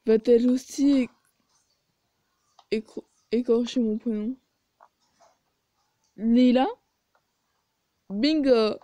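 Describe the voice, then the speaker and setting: A woman's voice: medium pitch, steady tone, a little slow, long pauses, warm tone, clear, resonant tone, no room sound, dull audio. A woman reading a story game aloud and adding sarcastic asides. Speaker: video game player.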